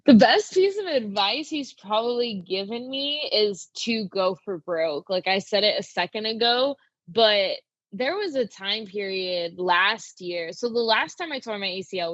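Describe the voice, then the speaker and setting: A woman's voice: mid-range voice, a bit bright, dry recording, dull audio. A young woman wrestler talking casually in an interview, with lots of "like" fillers. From Arizona. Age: young adult. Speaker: wrestler guest.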